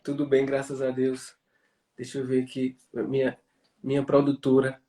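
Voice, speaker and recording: A man from Bahia with a Bahian Brazilian accent, hosting a casual online conversation in a halting way, repeating words as he thinks. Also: mid-range voice, completely flat delivery, warm tone. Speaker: host of a live online interview show. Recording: roomy echo, distant microphone.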